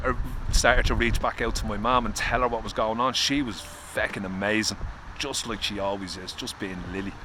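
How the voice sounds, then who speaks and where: An Irish man talking earnestly and confessionally to camera outdoors in the cold, swearing casually, with faint traffic behind. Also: on the low side. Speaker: vlogger. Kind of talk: candid personal vlog.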